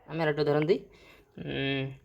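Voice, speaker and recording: A man teaching English vocabulary in a casual, explanatory way, often pausing on fillers and correcting himself. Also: fairly high pitch, level tone, gravelly, highs cut off. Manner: explains words slowly, with many fillers and self-corrections.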